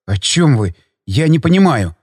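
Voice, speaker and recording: A man's voice: a little high, big pitch swings, normal speed, darkish tone, slightly rough, no echo, clean studio sound, voice pushed down. A man reading an audiobook, voicing a defiant young husband who answers back curtly. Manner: curt, defiant retorts. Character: defiant young husband, stubborn and sharp-tongued.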